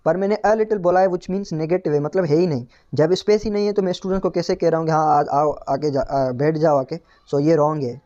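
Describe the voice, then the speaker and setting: A young man teaching English grammar errors, reading each example sentence slowly before explaining it conversationally. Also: high voice, mellow, highs cut off.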